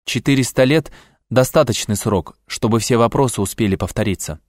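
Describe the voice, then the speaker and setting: A man voicing a weary, centuries-old man who speaks in a tired, gentle and measured way in an audiobook. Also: mid-range voice, no room sound, clean studio sound, close to an everyday voice. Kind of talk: audiobook character reading.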